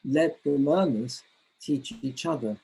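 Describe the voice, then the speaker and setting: A man presenting a teacher-training webinar, speaking in a halting way with many fillers and restarts. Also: medium pitch, gravelly, warm tone, breathy edge, poor audio. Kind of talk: webinar lecture.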